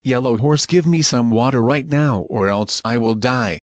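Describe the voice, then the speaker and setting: A man's voice: mid-range voice, normal speed, dry recording, dull audio, lightly acted. Man doing a whiny frightened bear toy. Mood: pleading. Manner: pleading, with strings of repeated protests. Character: scared male bear toy, whiny victim.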